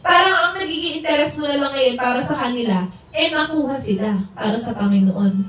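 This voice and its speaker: A woman giving an informal, conversational sermon at a house church, mixing in English words and acting out what friends say. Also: high voice. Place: house church gathering room. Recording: very echoey room, distant mic, faint hiss.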